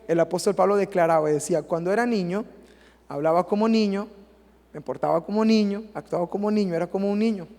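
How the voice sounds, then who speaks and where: A pastor delivers an emphatic sermon in a high-pitched male voice. He keeps punctuating his points with "amen" and "right?". The sound rings with the long reverb of a church hall. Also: darkish tone. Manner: emphatic preaching, repeating "amén" and "¿verdad?".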